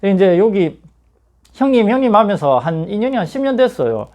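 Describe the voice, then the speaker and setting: Animated Gyeongsang-accented man telling his story. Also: high-pitched, moderate pace. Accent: Gyeongsang Korean. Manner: animated, emotional, swings between loud and quiet asides. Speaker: badminton shop owner. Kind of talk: candid storytelling to viewers.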